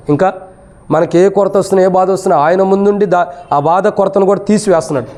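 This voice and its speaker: Man, Telugu accent, preacher, very high voice, call-and-response sermon. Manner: repetitive call-and-response questioning.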